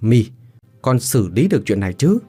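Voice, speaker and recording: A man voices a scheming mother-in-law in an audio story, scornful and dismissive. The voice is dark and husky. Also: mid-range voice, sing-song, moderate pace, soft background music.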